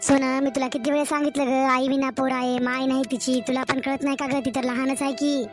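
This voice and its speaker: A woman voicing a kind, caring older grandmother in an animated storybook, speaking slowly and heartfelt with a Marathwada Marathi accent. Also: high voice, soft background music, natural voice. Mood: pleading. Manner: tender, pleading, slow and heartfelt.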